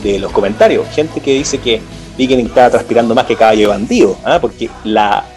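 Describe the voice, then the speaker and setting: Un hombre con acento chileno conversa de política en un pódcast, con muchas pausas y frases que se reinician. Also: male voice, mid-range voice, a little mellow, faint music behind. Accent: Chilean Spanish. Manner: rambling, many restarts and fillers. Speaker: political podcast co-host. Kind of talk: casual political chat.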